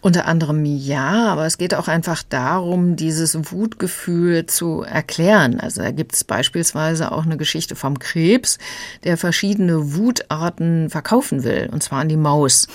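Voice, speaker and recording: A woman critic calmly explaining a children's audiobook in a radio conversation. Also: deep voice, a little slow. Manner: calm, explanatory. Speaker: book critic.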